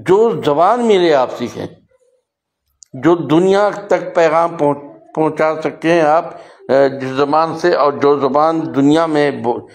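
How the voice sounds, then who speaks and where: An older man, a poet, talks earnestly in a lecturing way, working through one example after another. His voice sits a little high for a man. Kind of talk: casual spoken talk on language.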